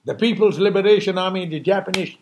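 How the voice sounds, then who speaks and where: An emphatic, preachy man with a fairly high voice, delivering an impassioned New Year monologue. He hammers his points home and keeps throwing out rhetorical questions. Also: fast talker, slight background noise. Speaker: speaker giving a New Year message.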